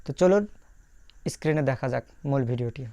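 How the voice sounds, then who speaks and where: A man teaching a language lesson over his screen, repeating each phrase slowly and spelling out the sounds letter by letter. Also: mid-range voice, lively intonation, dark tone, clear, resonant tone, dry recording.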